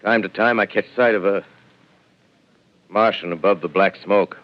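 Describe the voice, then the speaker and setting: An actor playing a lone, shaken professor surviving an invasion, narrating gravely in a 1930s radio drama heard through old AM radio sound. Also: male voice, lowish voice. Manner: grave, measured, reflective. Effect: old AM radio broadcast sound. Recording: muffled 1930s AM radio broadcast.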